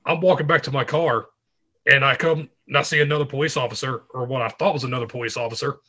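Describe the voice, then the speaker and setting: Male guest, middle-aged, bright edge to the tone, storyteller who acts out quotes. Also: mid-range voice, fast, highs cut off. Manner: animated anecdote teller, acts out quotes. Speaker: guest, fitness writer. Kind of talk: casual interview storytelling.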